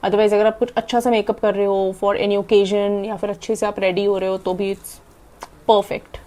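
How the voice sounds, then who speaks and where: Young indian woman rambling through a makeup tutorial, mellow voice, talks fast. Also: medium pitch, flat delivery. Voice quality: talks fast and swallows half her words. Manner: chatty, demonstrating while applying makeup. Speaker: makeup vlogger. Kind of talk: casual makeup tutorial, Hindi-English mix.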